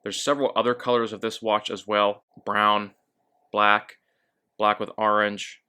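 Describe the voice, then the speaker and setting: Bright-voiced man reviewing a watch. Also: lowish voice, a little slow, clear, resonant tone. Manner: relaxed, with fillers and self-corrections. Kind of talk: casual product review.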